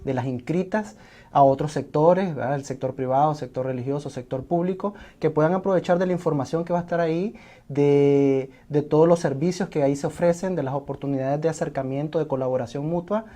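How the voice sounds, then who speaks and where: A man's voice: on the high side, fairly quick, dark tone. A man, explaining thoughtfully as a civil society guest on a TV interview, often repeating words while he searches for the next one. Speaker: civil society organization representative.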